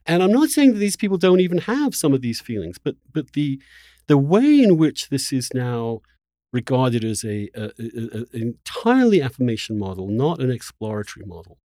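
In the middle of a debate, a male interview host speaks in a warm, sing-song voice whose pitch moves around a great deal. He's insistent yet halting, repeating words as he builds his point, and the recording is very dry with no echo.

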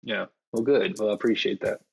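A man's voice: lowish voice, steady tone, a little fast, creaky, husky, low-quality recording. A man chatting as a podcast guest in a hesitant, self-deprecating way, full of fillers. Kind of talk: casual interview conversation.

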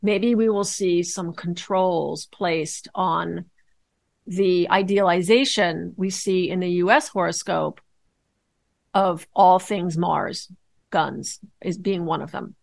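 A woman co-hosting a casual podcast, talking astrology and politics in an excitable, rambling way with many restarts. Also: lowish voice, slow, vocal fry, no room sound.

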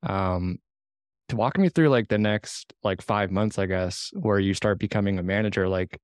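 Low-pitched man as podcast host, relaxed and hedging, dry studio sound. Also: moderate pace, no echo. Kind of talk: casual interview.

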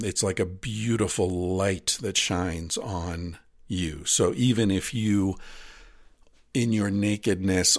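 Casting: low, gravelly man, unhurried, candid and earnest, dry close recording. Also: dry recording. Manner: frank, earnest, profane at times. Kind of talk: casual critique of a book.

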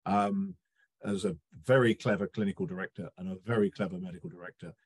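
A middle-aged man, a guest on a podcast, talking about coaching in a relaxed conversation and telling stories with quick quoted voices. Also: sits low, husky, no room sound. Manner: animated storyteller, acts out quick quoted voices.

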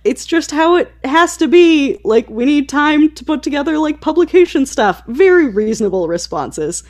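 A woman with a high voice, lively intonation and a slightly mellow tone hosts a podcast at a moderate pace. Her book chat is casual and conversational, informal and full of asides.

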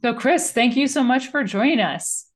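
A woman's voice: fairly high pitch, expressive, moderate pace. A woman hosting an interview, introducing her guest and asking him friendly questions. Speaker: podcast host.

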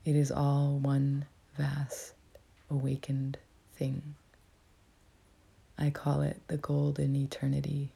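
A woman with a cold and a nasal voice, softly half-whispering as she guides a meditation in a small cabin. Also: extremely low pitch, completely flat delivery, slow pace, vocal fry, long pauses, breathy edge. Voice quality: soft, half-whispered delivery. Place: writer's cabin with a crackling fire.

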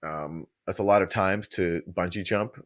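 A man co-hosts a casual podcast, tossing out ironic, mock-solemn remarks. His voice sits low. The recording is dry and close. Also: moderate pace, dry recording. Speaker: podcast co-host.

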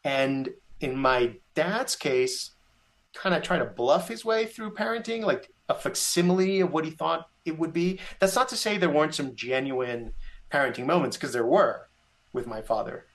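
A man from Mexico telling a story from his youth in casual conversation, with lively pitch jumps on key words and frequent restarts. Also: moderate pace. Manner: animated, rising pitch on emphasis, self-correcting restarts.

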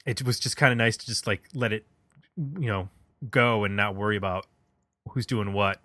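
A man talks casually about an album, like a music podcast host thinking out loud. His voice is bright and forward at an ordinary middle pitch, moving at normal speed. The recording is close and dry.

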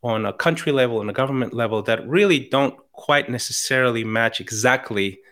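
A brisk, mid-range, slightly bright voice belongs to a middle-aged man from Chile with a Chilean accent. He's a podcast guest in casual conversation, earnest and prone to restarting sentences.

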